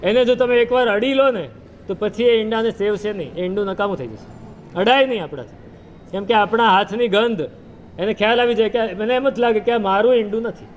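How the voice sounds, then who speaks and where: A man's voice: sits high, brisk, slight background noise. A man preaching a sermon, retelling a scripture story with rhetorical questions and chanted verses.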